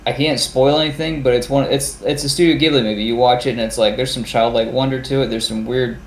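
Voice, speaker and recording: A man's voice: medium pitch, slight background noise. A man co-hosting a podcast in casual chat, rambling and swearing as he acts out his reactions. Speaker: podcast co-host. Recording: roomy echo.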